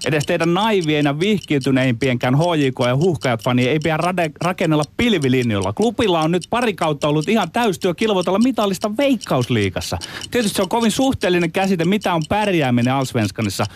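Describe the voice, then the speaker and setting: A man's voice: a little high, big pitch swings. A male co-host of a sports show, taking blunt, mocking and dismissive positions in a staged debate.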